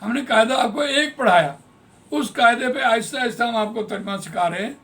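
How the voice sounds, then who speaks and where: A man teaching Quran translation in a classroom lesson, patiently explaining grammar and repeating words slowly. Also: extremely high pitch, a bit bright.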